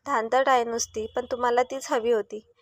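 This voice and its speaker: A woman's voice: on the high side, steady tone, moderate pace, no echo, clean studio sound, close to an everyday voice. A woman voicing a middle-aged mother who fusses, scolds and teases in a storybook reading. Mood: fussing.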